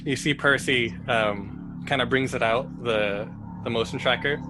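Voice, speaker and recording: A man's voice: mid-range voice, a little slow, over music, low-quality recording. Casual young man as game master. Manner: casual, hesitant with many fillers. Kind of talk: narrating a tabletop game.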